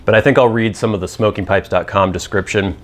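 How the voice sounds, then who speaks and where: Low-pitched man giving an informal review. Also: fairly even intonation, quick pace. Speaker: pipe tobacco reviewer. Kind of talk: informal product review talk to camera. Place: small indoor room with cloth backdrop. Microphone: lapel mic.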